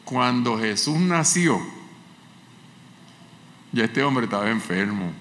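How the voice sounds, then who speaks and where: A male pastor preaching a sermon with passion, swinging from loud cries to hushed, pleading lines. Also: medium pitch, animated, takes it slowly, slight background noise. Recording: echoey hall with faint ambience.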